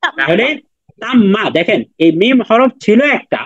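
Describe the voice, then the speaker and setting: A man's voice: high voice, big pitch swings, normal speed, no room sound, dull audio. A man teaching Quran recitation in an online class, patiently repeating and drilling letter sounds with his students.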